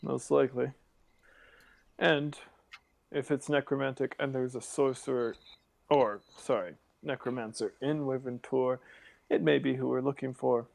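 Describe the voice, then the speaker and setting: A man's voice: medium pitch, steady tone, unhurried, creaky, darkish tone. A young man speaking in character as a player in a tabletop game, dry and self-assured.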